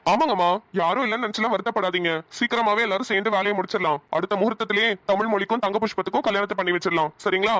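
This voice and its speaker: A man's voice: high voice, racing, few pauses, bright, forceful tone. A man voicing male family characters in a cartoon comedy, speaking earnestly.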